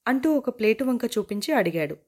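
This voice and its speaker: A woman narrating a novel as an audiobook, telling the story in a lively way. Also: on the high side, a little fast, breathy edge.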